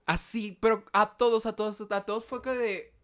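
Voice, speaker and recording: A woman's voice: medium pitch, steady tone, moderate pace, fairly bright tone. Young Mexican woman, podcast co-host, teasing and foul-mouthed, casual chat. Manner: teasing, crude jokes and playful interruptions.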